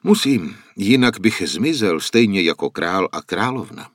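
A grave, worried old painter who explains the danger in solemn tones, as a male narrator plays him. His low voice moves over a lively range, recorded dry and close. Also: no room sound. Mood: earnest.

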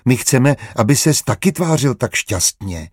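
A man's voice: sing-song, breathy edge, no echo, clean studio sound. A man voicing a small, curious, insistent boy in a storybook reading. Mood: pleading, insistent. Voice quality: raised childlike pitch.

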